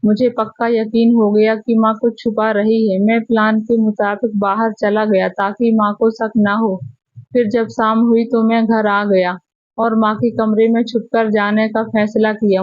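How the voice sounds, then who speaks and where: A woman narrating a first-person family story in a steady, even manner. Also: fairly high pitch, dry recording, dull audio.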